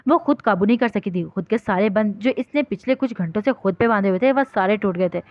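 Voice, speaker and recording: A woman narrating a novel as an audiobook in a steady storytelling read. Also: medium pitch, no echo, lo-fi sound.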